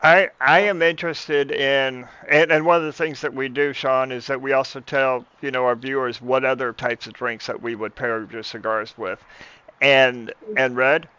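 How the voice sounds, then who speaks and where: A man's voice: medium pitch, little pitch movement, normal speed, sharp tone, smooth, no echo, lo-fi sound. A man co-hosting a casual tasting chat, enthusiastic and often repeating words as he starts a sentence. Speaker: podcast co-host.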